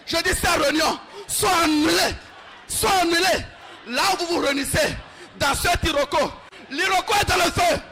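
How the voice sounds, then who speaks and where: High, fervent shouting preacher man. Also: moderate pace, over a noisy crowd. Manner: fervent, repeats short commands over and over. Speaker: pastor. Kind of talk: shouted deliverance prayer.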